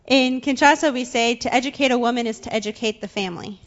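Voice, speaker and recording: A woman's voice: on the high side, quick pace, lo-fi sound. A young woman interpreting into English for a guest in a church, slightly hesitant with fillers. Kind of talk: consecutive interpreting. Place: church sanctuary.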